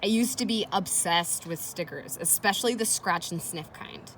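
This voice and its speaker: A woman teacher reads aloud from a children's chapter book in a fairly low, slightly bright voice at normal speed. She chats to her listeners with casual, encouraging asides and questions, and the recording carries the noise of kids playing nearby.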